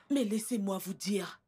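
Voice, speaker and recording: An actress dubbing a stubborn, distraught older mother in a film drama, speaking with a husky voice. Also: medium pitch. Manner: stubborn, insistent. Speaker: mother refusing her son's home.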